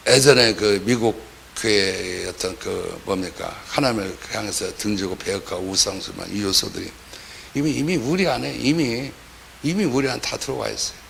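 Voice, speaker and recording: A man's voice: fairly low pitch, normal speed, creaky, fairly bright tone, a little hiss or hum. A man preaching a sermon as pastor, talking in a colloquial way and acting out the voices of the people he quotes.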